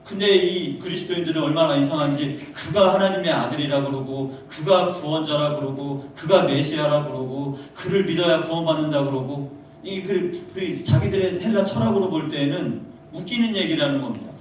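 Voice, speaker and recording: A man's voice: a little high, normal speed. A man preaching a conversational sermon to teenagers, acting out the voices he quotes. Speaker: pastor. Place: church sanctuary. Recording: echoey, distant room mic, faint noise.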